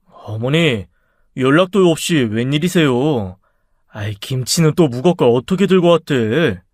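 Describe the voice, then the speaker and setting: A man's voice: mid-range voice, expressive, measured pace, a little mellow, no echo, studio quality. A man voicing a mild, dutiful grown son and husband who speaks politely and placatingly, in an audiobook story reading.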